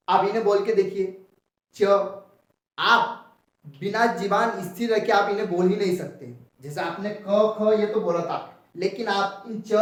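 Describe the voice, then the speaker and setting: A young male teacher explains a lesson step by step and keeps asking what something is called before he answers himself. His voice sits high. He sounds distant in a strongly echoing room. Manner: repeats key terms as rhetorical questions. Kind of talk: explanatory Hindi grammar lesson. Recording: echoey room, voice from far off the mic.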